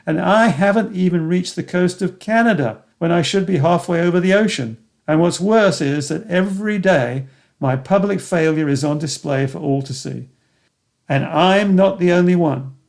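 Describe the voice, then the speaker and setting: Older male memoir narrator, slightly higher-pitched, earnest and reflective, first-person storytelling. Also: gravelly. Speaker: narrator of his own memoir.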